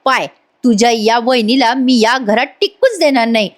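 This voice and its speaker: A woman's voice: a little high, moderate pace, lightly acted. A woman voicing a spiteful greedy aunt.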